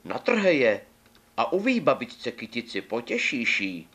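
A man voicing a sly, scheming male wolf in a fairy tale, speaking in a coaxing, drawn-out way. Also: medium pitch, huge pitch swings, a bit bright, husky, heavily acted.

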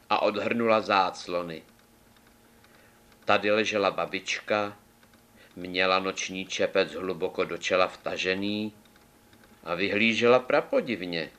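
A man reading a fairy tale aloud in a measured, deliberate way. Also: sits low, a bit bright. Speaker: storyteller.

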